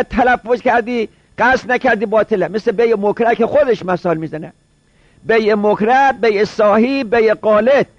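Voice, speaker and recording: A man's voice: extremely high pitch, no echo, muffled recording. A man giving a seminary jurisprudence lecture, repeating each point and posing rhetorical questions. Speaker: seminary teacher.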